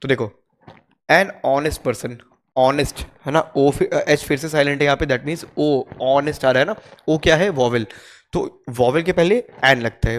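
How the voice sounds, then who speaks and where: Indian man teaching English articles. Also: fairly high pitch. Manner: chatty, repeats "theek hai" often, drills rules slowly. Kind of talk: casual spoken grammar lesson.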